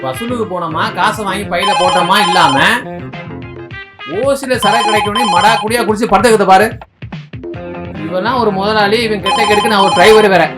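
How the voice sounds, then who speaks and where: A man's voice: high voice, fairly quick, lightly acted. An actor in a short film playing a young male driver who mutters complaints about his drunk boss and coaxes him along. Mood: grumbling. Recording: film audio with music behind.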